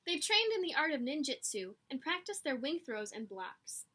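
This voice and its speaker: With a very animated, high voice that's bright and forceful, a woman reads a picture book aloud to children at a moderate pace. Her storytelling is expressive, with dramatic emphasis and asides in a teacher's style.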